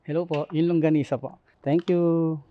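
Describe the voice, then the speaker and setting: Through a muffled recording comes a man's slightly high, steady voice at normal speed. A Filipino delivery rider casually vlogging on the streets, he laughs often, keeps adding tag questions, and offers apologies wrapped in jokes.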